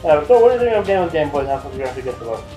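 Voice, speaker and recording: A young man commentating gameplay in casual chat, excitable and loud, laughing often. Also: fairly high pitch, very fast. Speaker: let's play commentator. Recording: echoey room with faint game music. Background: faint game music.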